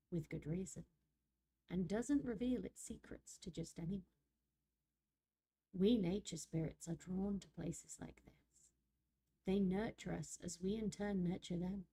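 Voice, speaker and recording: Dreamy forest spirit narrator, slow and soft, mellow low voice, read by a woman. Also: vocal fry, slightly rough, full character voice. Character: dreamy, poetic nature spirit of a moonlit forest glade. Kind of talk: reading a fantasy story aloud on stream.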